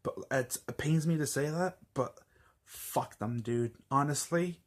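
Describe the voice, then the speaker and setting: A man's voice: fairly high pitch, measured pace. A man ranting casually to camera in a vlog, angry, rambling with many fillers, restarts and swear words. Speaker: vlogger.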